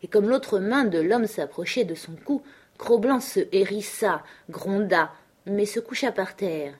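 A woman narrating a classic novel in a measured, clear reading. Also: mid-range voice, expressive. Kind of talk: audiobook narration.

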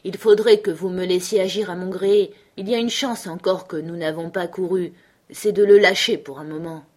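A gruff, self-assured dog driver lays out his view with steady emphasis, as a woman reading aloud puts him on. It's an audiobook reading, the man slightly higher and louder than the narration around him. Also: normal speed, close to an everyday voice. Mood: insistent. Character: male sled-dog driver, blunt, confident.

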